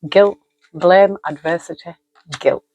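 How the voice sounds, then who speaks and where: A woman's voice: fairly low pitch, fairly even intonation, takes it slowly, warm tone, dry recording, dull audio. Emotional woman reading tarot cards. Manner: reflective, emotional, lists card meanings aloud. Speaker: tarot reader. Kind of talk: spoken tarot card reading.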